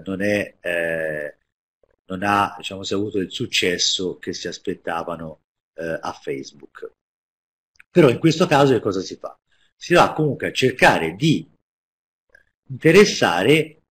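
Husky Italian man presenting a webinar. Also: low-pitched. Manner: hesitant, many fillers and restarts. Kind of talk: live webinar explanation.

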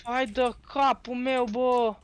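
A man's voice: very high voice, level tone, smooth, dry recording. A man playing a game with a streamer, giving orders and teasing in casual chat. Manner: bossy, teasing, shouts instructions. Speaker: co-player. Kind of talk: casual live gameplay chat.

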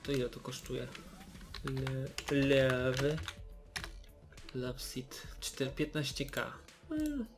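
A man's voice: medium pitch, little pitch movement, takes it slowly, pauses often, background noise. A young man giving casual, hesitant commentary while opening game loot boxes, with many fillers and restarts. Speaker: gaming YouTuber.

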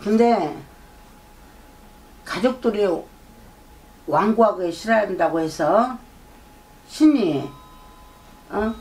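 A middle-aged woman, a shaman, lectures through a fortune-telling consultation, repeating herself and prompting with "eh?", in a shrine room with a folding screen and drum. Her mid-range voice is a little mellow with lively intonation, slow and full of pauses. A distant camera mic records her with faint room ambience.

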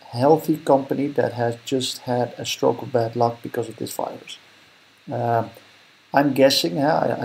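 The recording quality is low as this young man from the Netherlands narrates his screen recording in casual investing-vlog commentary. He has a Dutch accent and a husky, medium-pitched voice with vocal fry, and he thinks out loud, correcting himself along the way.

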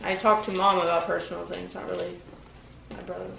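A woman's voice: fairly low pitch, flat delivery, a little fast, creaky, a bit bright, distant mic, slight background noise. A teenage girl chatting casually with her family, laughing often and teasing her brother. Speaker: daughter answering questions. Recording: echoey room, voice a bit off-mic.

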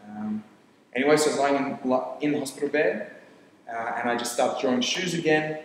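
A Tok Pisin–speaking young man raised in Papua New Guinea, now a startup founder, casually describes his venture in an interview, rambling and quickly listing ideas while frequently starting phrases over. His voice is mid-range, with a little hiss or hum behind it. The armchair studio set sounds echoey, with long reverb.

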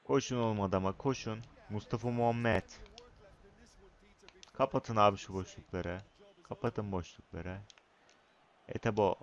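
A young man commentating his own football video game match, excitable, shouting at his players and chatting to viewers. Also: on the low side, unhurried, long pauses, muffled recording. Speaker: gaming YouTuber.

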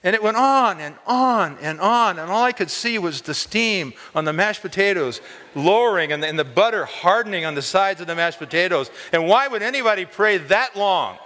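An animated man in his sixties delivers a storytelling chapel sermon, his bright voice rising and falling over a wide range. He stammers into quick repeats as he gets excited. A long hall reverb trails behind him on a large stage. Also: sits high. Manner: animated, gesturing, repeats words when excited. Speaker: chapel speaker. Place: large dark auditorium stage.

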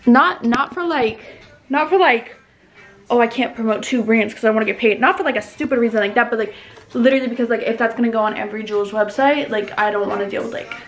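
Bubbly high-voiced young woman vlogger. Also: fast talker, reverberant, faint music behind. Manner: chatty, bubbly, lots of "like" fillers. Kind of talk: casual vlog chat. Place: her mom's house, indoors. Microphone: handheld vlog camera.

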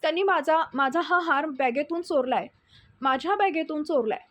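A woman's voice: high-pitched, moderate pace, fairly bright tone. A woman reading the lines of a scheming young daughter-in-law who accuses and insists.

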